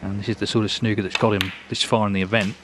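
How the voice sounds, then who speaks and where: A man giving measured, analytical snooker commentary in a hushed, low-key way. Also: level tone. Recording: noisy arena crowd behind, clicks. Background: loud snooker crowd.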